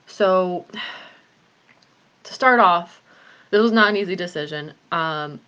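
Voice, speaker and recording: A woman's voice: lowish voice, slow pace, fairly bright tone, smooth, dull audio. Chatty woman in her late twenties. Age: 20s. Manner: chatty, candid, rambling with many ums. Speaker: author and group host. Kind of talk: casual live video chat.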